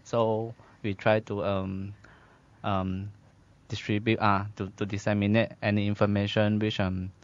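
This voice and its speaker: A man from Malaysia, a guest on a radio show, explaining his facilitator role hesitantly with many pauses. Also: lowish voice, flat delivery. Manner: hesitant, full of pauses and fillers. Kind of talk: radio studio interview. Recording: slightly dull lo-fi studio audio.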